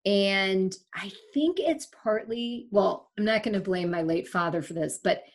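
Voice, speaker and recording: A longtime Sri Lankan broadcaster in her forties, normally a podcast host, is the guest in this laid-back interview recorded over a remote call. Her voice is medium-pitched with a measured pace, and she tells stories in a candid, emphatic, animated manner.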